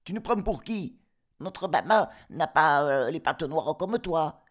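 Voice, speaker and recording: A squeaky, high bunch of cheeky young goat kids from a spoken storybook, sassing back with plenty of attitude. The voice jumps high above his own and takes on a thin, strained, unfamiliar tone. The delivery is loud and mocking. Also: level tone, slow pace. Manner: mocking, scolding, slangy back-talk.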